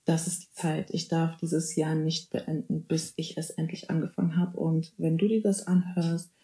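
This is a podcast host from Bavaria, Germany, a woman in her twenties who talks in a low, warm voice with flat delivery at normal speed. Her solo show is casual, chatty and playful, switching between German and English phrases. Interjections like "amen" and "hallelujah" recur, and the recording sounds roomy.

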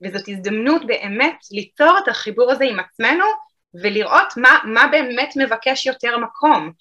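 A woman calmly explaining emotional eating to an interviewer, in a reflective, explanatory way. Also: a little high, dull audio. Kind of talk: podcast interview answers.

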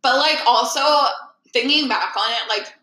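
A woman hosts a casual podcast, cracking sarcastic jokes as she talks. Her voice is bright and a little high. The room around her is echoey. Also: normal speed. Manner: sarcastic, jokey. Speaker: podcast host. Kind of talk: casual chat.

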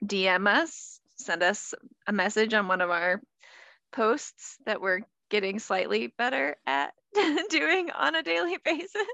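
A young woman co-hosting a podcast in casual chat, unhurried and quick to laugh. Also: a little high, animated, creaky, pushed and bright, no echo. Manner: slow, laughs often. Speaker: podcast co-host.

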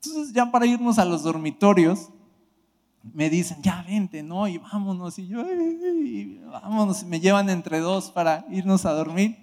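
Male preacher, high pitch, animated testimony with shouts, reverberant church hall. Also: normal speed. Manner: emotional, animated storytelling with shouted outbursts. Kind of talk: sermon testimony.

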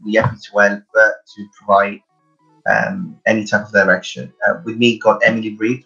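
A man's voice: on the low side, sharp tone, lo-fi sound. A man with a strong Italian accent, a guest on a podcast panel, talking with many fillers and restarts. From Italy. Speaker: guest, PR agency founder.

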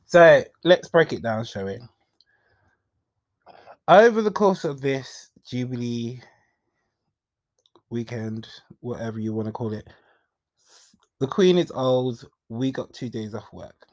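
A man's voice: medium pitch, slow, pauses often, no room sound. Frank young man, dry sound. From Jamaica. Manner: frank, chatty and confiding, with asides and bursts of emphasis. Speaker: podcast host. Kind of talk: candid solo podcast monologue.

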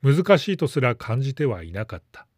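A man reading a story aloud in a calm, measured narration. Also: medium pitch, husky, no echo, studio quality. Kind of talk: scripted narration.

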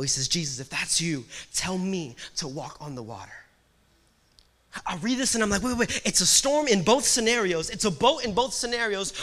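Young man, pastor, preaching with dynamic hushed-to-loud swings; high, bright voice. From Puerto Rico. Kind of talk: sermon.

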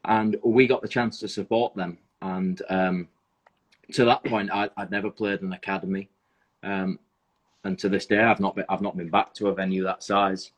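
A man's voice: low voice, level tone, normal speed, poor audio. A man from a band talking through old gigs in a casual chat, steadily leading the story. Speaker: band member and co-host.

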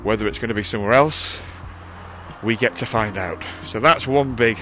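A man's voice: fairly low pitch, moderate pace, fairly bright tone. A man walks beside a busy road, talking into a cupped handheld mic in a loose, rambling audio diary, often correcting himself. He sounds out of breath as he climbs a hill, with passing traffic and faint music behind him. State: out of breath walking uphill. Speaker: vlogger. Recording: outdoor street recording with traffic.

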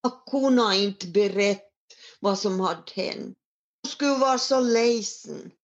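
A woman telling a folktale in a homely, unhurried way and sometimes repeating words. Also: mid-range voice, lo-fi sound. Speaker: storyteller. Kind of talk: folktale storytelling.

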